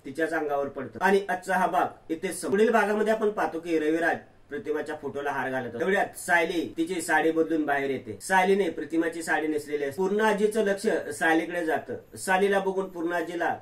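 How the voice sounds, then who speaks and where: A man giving a steady, scripted recap of a serial episode. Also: a little high, a little fast, hardly any pauses, recorded from a distance.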